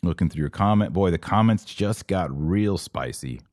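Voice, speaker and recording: Here the host's low voice is animated and a touch mellow, moving at a moderate pace. He's an American man running a podcast who reads viewer comments out loud, then responds casually and spontaneously, captured in clean studio sound with no room noise.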